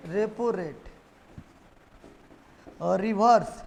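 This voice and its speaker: Speaking very slowly in a high-pitched, darkish voice with vocal fry, a male teacher delivers a classroom lecture. He drills his students with repeated questions and has them repeat the key terms. The classroom's long reverb surrounds his voice.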